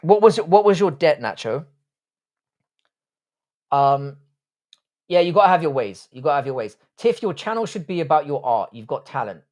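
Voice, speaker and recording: Speaking slightly high in a sing-song, somewhat mellow way, a man in his thirties moves at a moderate pace and pauses often. Raised in southwest London after coming from Ireland, he has a London accent and hosts a live stream, answering viewers' comments with profane, blunt humour.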